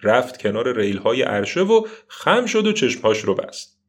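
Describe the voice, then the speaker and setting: A man's voice: mid-range voice, very animated, breathy edge. A man narrating a children's story expressively, with asides to the listeners.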